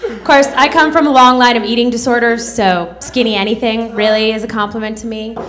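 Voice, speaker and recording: A woman in her thirties working a comedy club stage with a handheld mic. Her voice sits a little high and she delivers each line with a dry, sarcastic snap. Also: steady tone, fairly quick, noisy background. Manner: sarcastic, snappy delivery with mocking character voices. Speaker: stand-up comedian. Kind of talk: stand-up comedy set.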